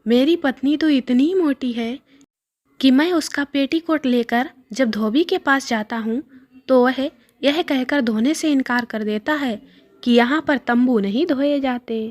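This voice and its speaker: A woman's voice: sits high, unhurried, soft background music. A woman reading a joke, voicing a husband who brags with exaggeration to his friends. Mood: bragging. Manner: exaggerating, bragging.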